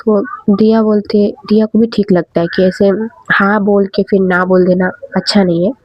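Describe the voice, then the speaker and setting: A woman's voice: mid-range voice, level tone, moderate pace, no echo. A woman narrating a story in a casual, chatty way, mixing in English words. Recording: dull, dry, close recording.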